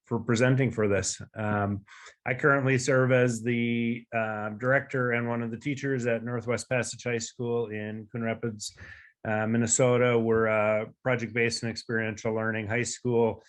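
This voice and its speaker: A man's voice: medium pitch, flat delivery, normal speed. A man who runs a school introduces himself on a video call. He sounds friendly and rambles a little, with plenty of fillers. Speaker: school director and teacher.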